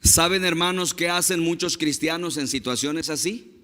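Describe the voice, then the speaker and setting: A pastor preaches in a large church hall, his fairly high voice pushed and bright. Addressing the congregation as brothers, he speaks emphatically and slows down to stress key words.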